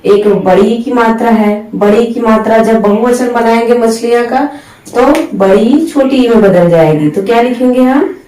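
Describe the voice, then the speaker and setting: A woman teaching Hindi spelling rules, slowly drawing out each example word and mixing English words into her Hindi. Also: on the high side, mellow, echoey room, far from the mic, low-quality recording. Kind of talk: spelling lesson.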